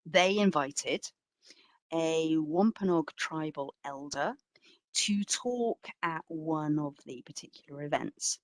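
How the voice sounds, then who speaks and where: A female curator, appearing as a guest speaker at an online talk, gives an explanatory answer told like a story, stressing her points emphatically. Her voice is low and her delivery slow, with no room sound in the recording.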